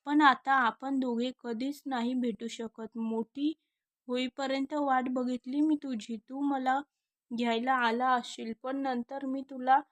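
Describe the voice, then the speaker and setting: A woman voicing a gentle, earnest young woman in a storybook reading. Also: high voice, fairly even intonation, unhurried.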